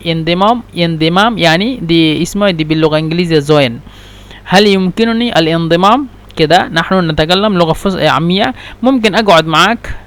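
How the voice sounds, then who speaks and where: High-voiced man teaching. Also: fairly bright tone. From Bangladesh. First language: Bengali. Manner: repeats example phrases slowly, halting explanations. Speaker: language teacher. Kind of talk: explaining Arabic dialect lesson.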